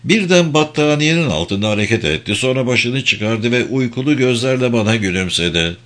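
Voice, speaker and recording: A man narrating a novel as an audiobook, in a measured, expressive storytelling manner. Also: medium pitch.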